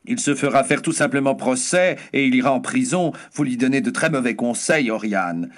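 A man's voice: medium pitch, expressive, moderate pace, close to an everyday voice. A stern aristocratic duke, pompous and reproving, as a male reader puts him on. He speaks firmly and scolds his wife. The delivery stays close to a plain reading voice. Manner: firm, reproving.

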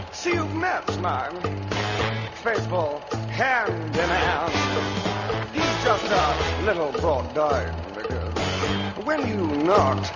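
A low, drawling woman greeting a guest, her pitch rising and falling lazily. It sounds through a dull film clip with loud music. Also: exaggerated voice.

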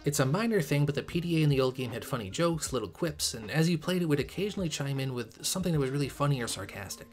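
A man's voice: a little high, lively intonation, quick pace, few pauses, soft background music. A young man narrating a scripted game review video essay in a critical, emphatic way. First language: English. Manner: critical, emphatic, occasionally sarcastic.

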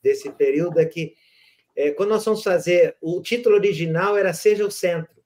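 A Brazilian man hosting a podcast, telling stories in a relaxed conversational way with frequent restarts. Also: high-pitched, a little fast. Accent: Brazilian Portuguese. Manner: animated storyteller with frequent restarts. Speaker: podcast host. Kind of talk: casual storytelling conversation.

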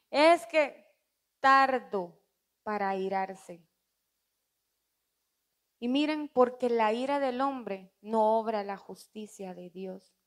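A high-voiced woman delivering a sermon at church. She speaks earnestly, asks the congregation questions and acts out short heartfelt prayers. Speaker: preacher.

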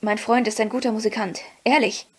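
A woman voicing a calm, quick-witted young male student in a storybook reading, speaking in a friendly manner. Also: a little high, slightly rough.

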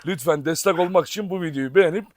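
A man running a dog farm talks casually to his viewers and coaxes his dogs in a lively way. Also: on the high side, fast. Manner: lively, switches between chatting to viewers and coaxing dogs. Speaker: dog farm owner and vlogger.

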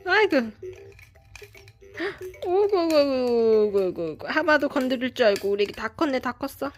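A woman's voice: sits high, animated, moderate pace, soft background music. A woman cooing baby talk to an infant in a gushing, sing-song way.

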